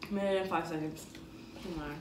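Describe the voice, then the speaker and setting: A woman's voice: fairly low pitch, fairly even intonation, moderate pace. A young woman vlogger joking and laughing through an eating challenge, sometimes talking with her mouth full. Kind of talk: casual chat during an eating challenge. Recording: echoey room, distant mic, faint noise.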